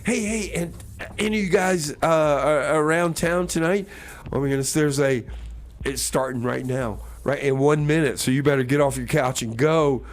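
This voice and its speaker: An American man hosts a radio show from a small station studio, trading casual, rambling banter and back-announcing songs. He talks in a hesitant, exclaiming way, his voice a little high and his pace moderate.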